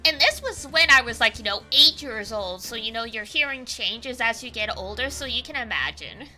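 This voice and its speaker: A woman's voice: a little high, animated, normal speed, bright, forceful tone, soft background music. A Canadian woman with a cute anime-girl voice, chatting casually and animatedly as she streams a video game. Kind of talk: casual livestream chat over a video game.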